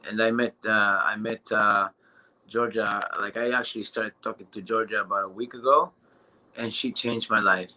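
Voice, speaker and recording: A man in his thirties speaks in a bright, forceful voice as he gives a casual motivational testimonial. His delivery is eager but halting, full of fillers and restarted phrases. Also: on the low side, steady tone, low-quality recording. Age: 30s.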